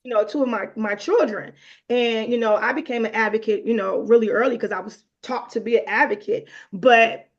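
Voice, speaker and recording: A woman's voice: fairly high pitch, brisk. A middle-aged woman hosting a conversation in a casual, talkative way, often saying "you know". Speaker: host. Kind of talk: casual discussion. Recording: dull lo-fi sound.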